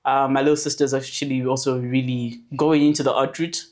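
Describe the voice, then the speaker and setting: A woman in her twenties, born in Zambia and raised in South Africa, who is a guest on a podcast and tells her story in a relaxed, chatty way. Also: a bass voice, fairly quick. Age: 20s. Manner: relaxed storytelling with fillers and restarts. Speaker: podcast guest, animation producer. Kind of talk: casual podcast interview.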